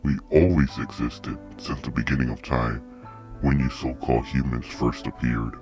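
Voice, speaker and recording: A man voicing a deep menacing demon. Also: steady tone, darkish tone, faint music behind. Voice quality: deep, demonic, distant-sounding. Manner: slow, threatening. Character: ancient demon creature, male, huge and menacing.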